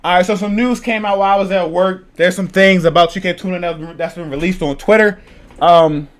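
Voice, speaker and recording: A man hosting a casual reaction video, talking in a loose, rambling, excitable way. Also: high-pitched. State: out of breath. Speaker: channel host reacting to a video.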